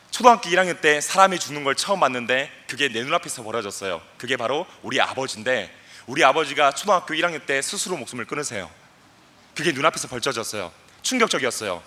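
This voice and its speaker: A young man speaks to a youth audience. His voice is fairly high and bright, and his pitch swings widely as he acts out little voices and leads chants. He sounds playful and animated. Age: young adult. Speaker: guest speaker at a youth camp.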